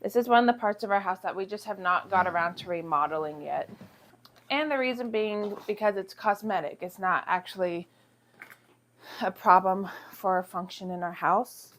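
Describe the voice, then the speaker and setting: A woman's voice: medium pitch, moderate pace, fairly bright tone, slight background noise. A young American woman with a congested voice, chatting casually in her home kitchen as a vlogger, talking to herself while she works. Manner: chatty, self-deprecating, talks to herself while working. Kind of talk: casual chat vlog.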